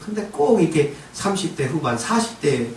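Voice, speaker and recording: A male pastor delivers a sermon with a high, lively voice that swings widely in pitch. He acts out short quoted exchanges and pushes into emphatic exclamations. The sound is roomy and heard from some distance, with a faint hum of ambience behind. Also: normal speed. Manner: preaching with acted quotes of God and Moses, rising to emphatic exclamations. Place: church sanctuary.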